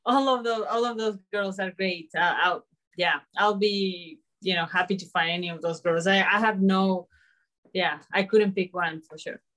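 A young woman fighter answering interview questions in a halting, hesitant way with many restarts. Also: mid-range voice, fairly even intonation, fairly bright tone. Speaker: mixed martial arts fighter.

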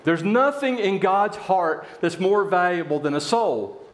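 A man preaching a sermon in a church, telling a parable with animated voices for its characters. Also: sits high, unhurried, echoey room. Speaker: pastor.

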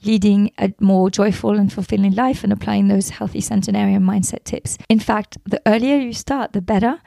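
A woman hosting a motivational podcast alone, talking earnestly from a script, her voice roughened by a recent cold. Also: mid-range voice, steady tone, normal speed, dark tone, no room sound, clean studio sound. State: recovering from a cold, voice affected. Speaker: podcast host. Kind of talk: scripted solo podcast monologue.

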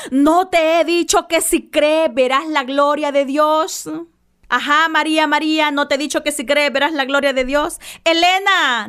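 A woman preacher speaking as a gentle man who calls people by name, tender and slow. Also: high voice. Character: gentle man calling out, tender then commanding.

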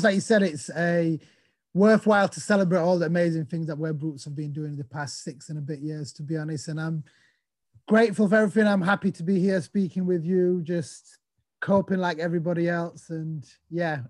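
A man, raised in England after a childhood in Somalia, answering interview questions about his path into politics in a relaxed, chatty way. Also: high-pitched, dry recording. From Somalia, raised in Sheffield, England. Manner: relaxed, chatty storytelling with fillers. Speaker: interview guest, activist and author. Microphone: video call.

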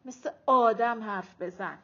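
A woman's voice: sits high, sing-song, fairly bright tone, voice pushed up. A woman as a curt, weary mother. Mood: scolding. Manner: clipped, grumbling remarks. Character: weary middle-aged mother, curt and irritable. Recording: dull lo-fi audiobook recording.

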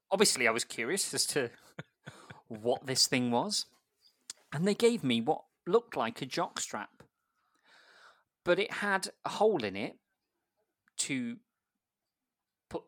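An adult man, a guest storyteller, shares an embarrassing personal anecdote in casual chat, mocking himself and laughing often. His voice is mid-range with a fairly bright tone. The studio-quality recording has no room sound.

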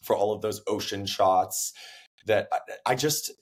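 A young male singer-songwriter, guest in a casual interview chat, is hoarse from laryngitis, which makes his voice deeper than usual. He tells stories in an animated way and acts out his own quotes, speaking unhurriedly.

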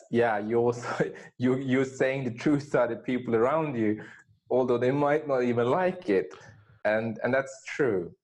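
Male podcast guest, mid-pitched, earnest, a little hesitant. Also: a little mellow, rough recording. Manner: earnest, searching for words. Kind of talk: casual podcast conversation.

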